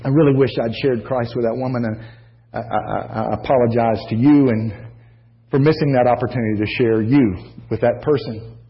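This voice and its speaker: American pastor, storytelling sermon, lo-fi. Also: male voice, mid-range voice, fairly even intonation, brisk. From United States. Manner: folksy storytelling with jokes and asides to the congregation.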